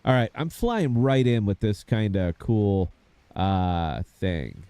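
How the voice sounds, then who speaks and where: A man's voice: fairly low pitch, big pitch swings, slow, dark tone, smooth, no room sound. A man, chatting casually to viewers while he plays a game. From United States. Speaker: game streamer. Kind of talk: casual gameplay commentary.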